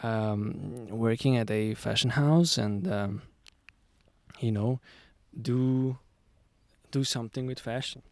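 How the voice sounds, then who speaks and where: A man in his twenties from Zurich, hosting a podcast episode outdoors in a relaxed, rambling way with many fillers and restarts. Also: mid-range voice, slow pace, no room sound. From Zurich, Switzerland. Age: 20s. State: sweaty in the heat. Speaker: podcast host. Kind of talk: casual solo monologue. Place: outdoors on a sunny hill.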